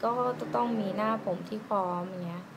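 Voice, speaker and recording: A woman doing a casual lipstick swatch review, chatty and giggly, musing aloud with drawn-out fillers. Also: mid-range voice. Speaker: beauty vlogger. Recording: noisy room ambience.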